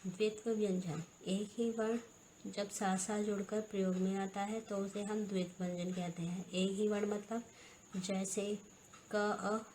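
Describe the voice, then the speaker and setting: A woman teacher giving a recorded grammar lesson to schoolchildren, explaining slowly, repeating terms and answering her own questions. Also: medium pitch, level tone, a little mellow, slight background noise, rough recording.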